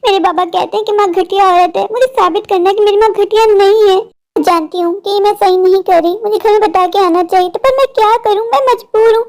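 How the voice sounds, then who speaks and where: A woman's voice: very high-pitched, steady tone, fast talker, a little mellow. A woman voicing a determined little girl who earnestly searches for her mother and keeps talking to herself, in a cartoon story. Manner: earnest, pleading, talks to herself.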